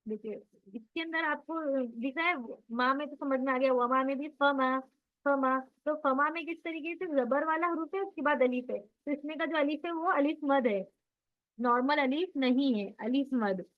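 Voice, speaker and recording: A woman's voice: high-pitched, moderate pace, phone-quality sound. A woman teaching Quran recitation in an online class, patiently drilling sounds and quizzing her students.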